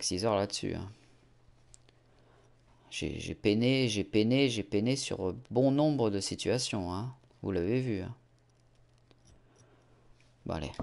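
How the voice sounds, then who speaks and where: A man's voice: low-pitched, creaky. A man playing a horror game and commenting casually, frustrated and swearing, with lots of hesitant fillers. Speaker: gaming let's-player. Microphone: USB studio mic at desk. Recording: game music loud behind.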